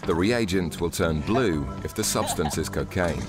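Deep-voiced male documentary narrator. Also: animated, moderate pace. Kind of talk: scripted voice-over narration. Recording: studio voice-over with loud music behind.

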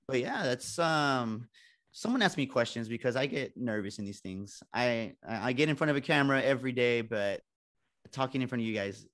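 A young man from San Antonio tells students about his start as a reporter. He sounds casual and likes to laugh at himself, and he acts out the people he quotes. His voice sits at an ordinary middle pitch. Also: fairly bright tone. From San Antonio, Texas. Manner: chatty, self-joking, acts out quoted people. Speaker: guest speaker, TV reporter. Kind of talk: casual talk to a student audience.

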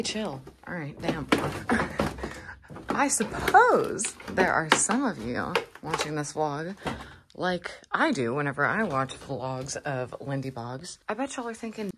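A young woman, chatting to viewers in a casual, joking way as she wades through a flooded basement. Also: sits low. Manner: chatty, joking, talks to viewers while wading through sludge. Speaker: urban explorer vlogger. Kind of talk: casual vlog narration while exploring. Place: flooded abandoned basement, indoors. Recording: noisy handheld camera audio.

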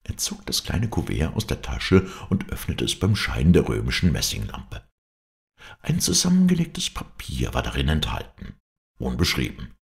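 A man reading a fairy tale aloud as an audiobook narrator, in measured storytelling. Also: very deep voice, huge pitch swings, creaky.

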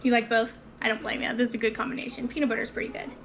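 This thirtysomething mother vlogs from her home kitchen in a casual, chatty style, addressing viewers in an upbeat, eager way. Her fairly high voice comes out rapid-fire yet flat in delivery, with a faint hum underneath.

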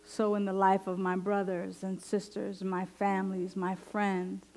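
A woman minister leading a guided affirmative prayer in slow, deliberate, meditative phrases with long pauses. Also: medium pitch, completely flat delivery, a little mellow, faint music behind, low-quality recording. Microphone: headset microphone.

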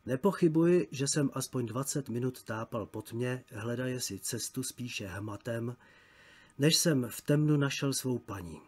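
Husky male audiobook narrator. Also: mid-range voice. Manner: measured, literary. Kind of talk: scripted storybook narration.

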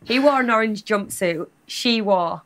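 A woman's voice: medium pitch, a bit bright, lightly acted. An actress playing a witty, bossy young woman on a video date in a game. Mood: playful. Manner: brisk, bossy, teasing. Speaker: dating-game character. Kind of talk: scripted video-date acting.

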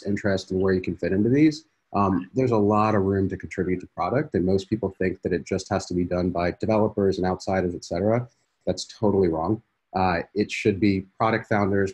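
A man in his thirties hosts a founders' video call from an indoor room, speaking casually with many fillers through a laptop mic. His voice is fairly low, a little mellow and husky, and the recording is rough.

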